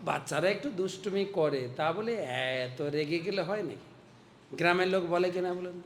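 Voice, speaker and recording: A monk delivering a storytelling sermon, animated and dramatic, acting out the voices in the story. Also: male voice, high voice, normal speed, slight background noise.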